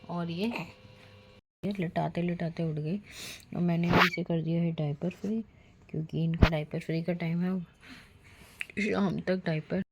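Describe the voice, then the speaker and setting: A young woman, a mother of twins, chatting casually at home in a vlog and speaking softly at times. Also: fairly low pitch, very noisy. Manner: chatty and affectionate, soft-spoken while babies sleep.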